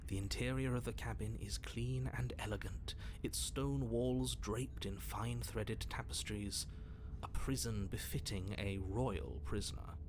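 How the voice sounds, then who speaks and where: An actor playing a stern, pompous, easily exasperated video game narrator, speaking in a dry, measured way. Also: male voice, lowish voice, steady tone, background noise, lightly acted. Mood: measured narration. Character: stern, exasperated, pompous male narrator who commands the hero.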